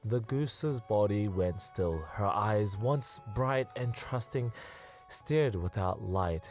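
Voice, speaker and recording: A man narrating a story on a radio show, in a measured storytelling voice. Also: fairly low pitch, darkish tone, faint music behind. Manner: measured narration, quick laughing chat. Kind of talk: scripted narration and casual chat.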